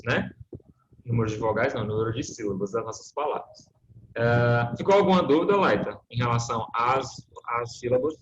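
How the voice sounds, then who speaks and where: Male teacher on a video call, patient explainer, checks in often; muffled audio with a faint hiss. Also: medium pitch. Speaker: English teacher. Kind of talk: online class explanation.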